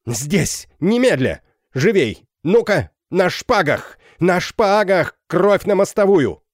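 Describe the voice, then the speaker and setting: A man voicing a boastful, hot-headed young army captain in an audiobook, swaggering and quick to shout. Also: mid-range voice, expressive, dry recording, clean studio sound, lightly acted. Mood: furious. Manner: swaggering, bursts into shouting anger.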